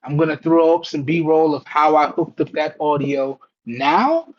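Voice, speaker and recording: Speaking through wireless earbuds over Bluetooth, this tech reviewer has a voice on the high side and takes his time as he tests the buds in a TV room at home. The lo-fi vlog is casual and repetitive, with him repeatedly addressing his viewers as "guys and gals."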